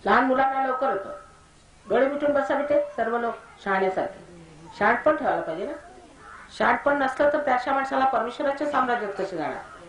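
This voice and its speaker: A woman guides a crowd through meditation, commanding and quick to scold. Her voice sits a little high, and the recording is roomy and echoey, with a faint hiss underneath. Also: lively intonation. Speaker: spiritual teacher.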